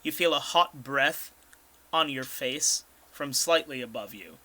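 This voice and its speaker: A man's voice: mid-range voice, a little slow, bright, forceful tone, low-quality recording. A man casually narrating a tabletop game as its game master.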